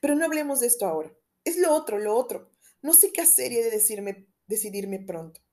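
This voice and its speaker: Here a woman narrates an audiobook, giving voice to an anxious gentleman of middle age who shares secrets in low, pressing tones. She reads at a rather brisk pace with a lilting, sing-song quality.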